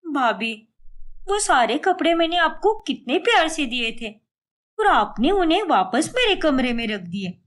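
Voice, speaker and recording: An indignant young sister-in-law from an animated story talks in a sharp, accusing manner, as a woman voices her. Her voice is fairly high and swings up and down a lot. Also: a little slow, full character voice. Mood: upset.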